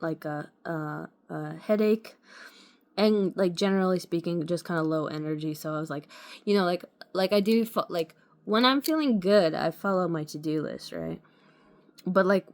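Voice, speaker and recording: A woman talking casually to the camera in a rambling way, full of fillers and restarts. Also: on the low side. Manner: rambling, many fillers, frequent "like" and "you know". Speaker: vlogger.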